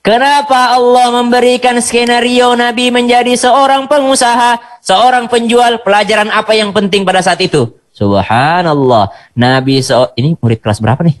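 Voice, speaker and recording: A man's voice: very high-pitched, steady tone, moderate pace. A young man giving a playful, chatty sermon to school students, breaking into chanted Quran recitation. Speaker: preacher. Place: virtual school event.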